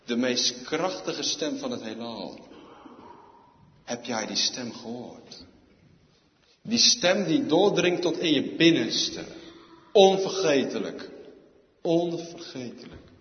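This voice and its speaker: A male pastor preaching a solemn sermon, slow and deliberate, swelling into loud emphatic outbursts. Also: medium pitch, expressive. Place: church. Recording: echoey church hall, dull lo-fi sound.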